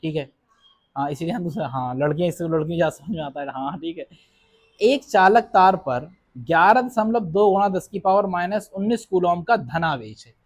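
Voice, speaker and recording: A man's voice: on the high side, animated. Man teaching a class, answering his own questions. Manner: poses questions to the class and answers them himself; reads numbers out slowly and deliberately. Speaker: physics teacher. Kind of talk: classroom lecture. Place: classroom with students present.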